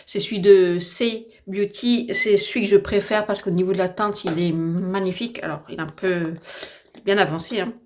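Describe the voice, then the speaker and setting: A slightly hoarse woman with a French accent chatting casually and enthusiastically through a makeup tutorial at home, with lots of fillers. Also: mid-range voice, fairly even intonation, moderate pace, a little mellow, slight background noise. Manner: chatty, enthusiastic, repeats herself with many fillers. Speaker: beauty vlogger. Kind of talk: casual get-ready-with-me makeup chat.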